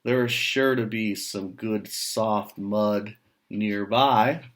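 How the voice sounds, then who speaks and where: An American man voicing a small, simple, earnest pig from a storybook, speaking in a plain, deliberate, emphatic way. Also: on the low side, steady tone, fairly bright tone. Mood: hopeful.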